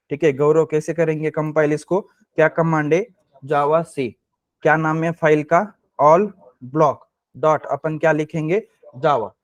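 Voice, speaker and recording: A man teaching a live programming class. He calls on students by name and repeats each point with quick questions. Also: fairly high pitch, no room sound. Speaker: programming instructor.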